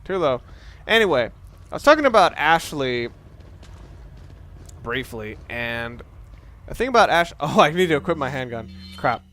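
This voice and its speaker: This young let's play host chats through a video game in a rambling, self-interrupting way. His voice is a little high and sharp, swinging widely in pitch at a moderate pace, and he pauses often. Underneath are game sounds and faint background noise.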